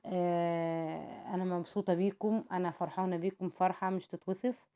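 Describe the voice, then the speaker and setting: A woman with an Egyptian Arabic accent talks through her home cooking in a fast, chatty voice-over. Her voice sits a little low and sounds mellow rather than bright. She walks through every step, calls her viewers "my dears" and blesses them along the way. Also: steady tone, smooth, dull audio. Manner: warm and devout, calls viewers "my dears", prays for them often; explains each cooking step with asides and restarts.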